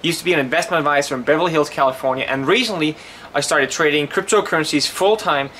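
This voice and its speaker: Bright-voiced Danish-born man explaining crypto. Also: a little high, fast talker, slight background noise. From Denmark. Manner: earnest, restarts and repeats words often. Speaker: crypto channel host. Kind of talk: casual explainer monologue.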